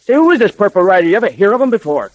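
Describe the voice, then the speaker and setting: A jumpy, superstitious henchman in a 1930s radio thriller. The voice is high and very lively, with folksy exclamations, on a dry vintage recording. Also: very fast, no room sound, rough recording. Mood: frightened.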